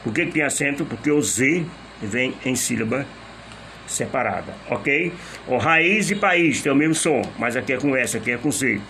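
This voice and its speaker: A man's voice: mid-range voice, animated, normal speed, gravelly, sharp tone, a little hiss or hum. A man teaching a grammar lesson, patiently repeating each rule step by step and asking rhetorical questions. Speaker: Portuguese teacher.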